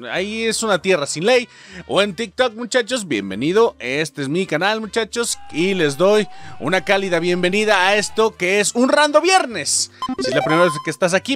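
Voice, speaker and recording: Loud, excitable man. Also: sits high, moderate pace. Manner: loud, shouting and laughing often, swears. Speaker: gaming youtuber. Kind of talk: excited gameplay commentary. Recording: game music behind the voice.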